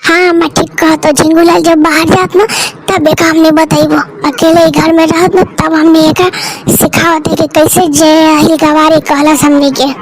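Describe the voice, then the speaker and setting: Lady doing a henpecked village guy voice, lower but still fairly high, moaning about his wife, hissy recording. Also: little pitch movement, moderate pace. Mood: plotting. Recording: noisy hiss behind voice.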